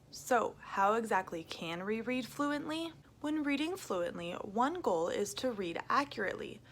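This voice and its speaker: A young woman teaching a scripted reading lesson for children, in an upbeat, clearly articulated way. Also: medium pitch.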